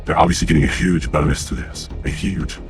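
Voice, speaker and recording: A man's voice: rumbling low, steady tone, fast, soft background music. A man hosting his own channel, ranting angrily and profanely to his viewers, a little out of breath. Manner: angry, profane, keeps addressing viewers as guys. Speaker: channel host. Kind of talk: ranting commentary to camera.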